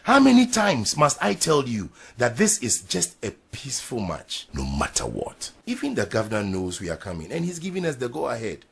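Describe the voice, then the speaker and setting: An actor with a Ghanaian English accent playing a proud ex-soldier sergeant who leads a protest, speaking in a raspy, forceful, speechmaking way. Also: male voice, mid-range voice, huge pitch swings, normal speed, hardly any pauses, heavily acted. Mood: defiant. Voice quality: raspy, gravelly. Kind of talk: period drama acting.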